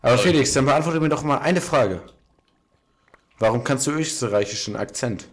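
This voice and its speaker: A man chatting casually with friends while playing, teasing them in a relaxed way. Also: medium pitch, moderate pace. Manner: laid-back, teasing. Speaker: co-player. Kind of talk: casual gaming chat.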